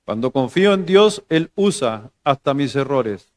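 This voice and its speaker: A man with a Chilean Spanish accent, a pastor preaching a sermon in a conversational way, joking and moving between loud emphasis and soft, low asides. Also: very animated, measured pace, no echo.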